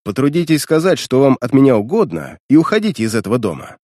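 A man's voice: medium pitch, very animated, quick pace, a little mellow, no echo, clean studio sound. A man voicing a cold, scornful male detective as he reads a detective story aloud, speaking in a stern, clipped way.

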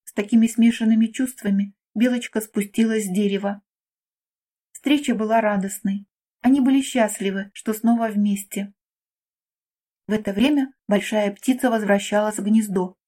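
A woman's voice: medium pitch, steady tone, normal speed. Woman reading a children's story. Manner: gentle, storybook read-aloud.

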